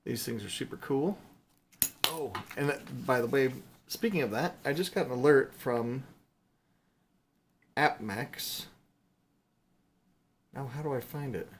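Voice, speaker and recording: A husky, medium-pitched man talks a little slowly and pauses often as he shows off his silver bullion purchases. His unscripted show-and-tell chat rambles casually, with mildly playful exclamations.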